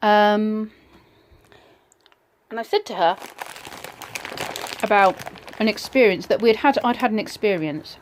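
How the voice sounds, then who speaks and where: A woman's voice: mid-range voice, unhurried, long pauses, slight background noise. Woman telling a personal story, hesitant and reflective. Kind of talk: personal ghost story told casually.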